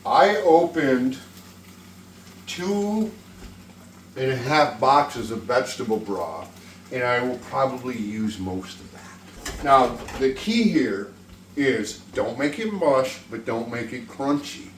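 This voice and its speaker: A man's voice: medium pitch, lively intonation, slow. A man hosting a casual cooking demonstration in a folksy, joking way, with some swearing. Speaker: cooking show host. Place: indoor kitchen. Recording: roomy, distant mic, faint kitchen noise.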